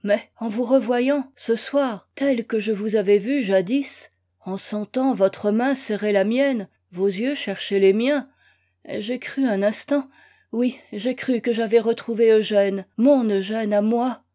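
Slow soft pleading young widow read by a woman, mellow and a bit high, from a read-aloud novel. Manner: imploring, breathless emotional pleas.

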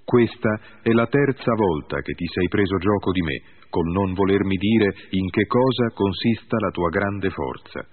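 A man reading the lines of a scheming, pleading woman in a biblical story, with a husky voice. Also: low-pitched, a little slow, hardly any pauses. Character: seductive scheming woman Delilah. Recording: tinny phone-like audio.

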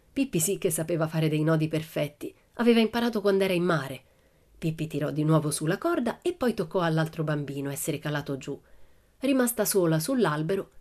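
A woman reading a children's novel aloud in calm, even storytelling narration with an Italian accent. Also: low-pitched. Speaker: audiobook reader. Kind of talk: scripted narration. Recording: faint music under the voice.

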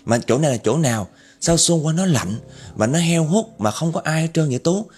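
A man's voice: a little high, animated, brisk, darkish tone, breathy edge, faint music behind, voice pushed up. A man playing an agitated young man firing questions in a dream. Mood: uneasy. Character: frightened then angry young man in a dream.

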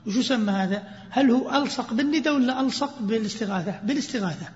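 High-voiced sheikh teaching grammar. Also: male voice. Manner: questions students, recites verses slowly. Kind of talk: classroom grammar lesson. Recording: dull lo-fi sound, long hall reverb.

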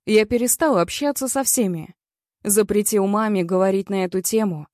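A woman's voice: mid-range voice, moderate pace, darkish tone, dry recording, clean studio sound. A woman narrating a first-person story in a blunt, bitter and crude way. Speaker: audiobook reader.

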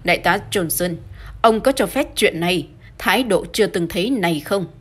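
A proud, short-tempered gentleman of means blusters at the police in this audiobook mystery, read by a woman. The voice sits low and husky, pushed and loud with offense. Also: normal speed. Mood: indignant. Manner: angry, loud and huffy. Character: indignant rich middle-aged man, blustering.

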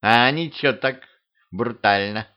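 A man's voice: medium pitch, a little slow, highs cut off, lightly acted. A man doing a purring cheeky vampire girl. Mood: teasing. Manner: purring, teasing.

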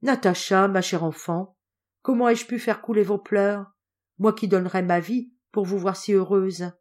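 A woman's voice: mid-range voice, fairly even intonation, moderate pace, darkish tone, close to an everyday voice. A woman reading an audiobook, voicing an earnest, devoted young man of twenty-eight who speaks with emotion.

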